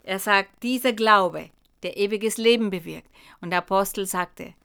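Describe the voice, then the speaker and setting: A woman preaching a sermon, explaining a Bible passage to her congregation in a slow, emphatic way. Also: mid-range voice, gravelly, a bit bright, clean tone. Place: church.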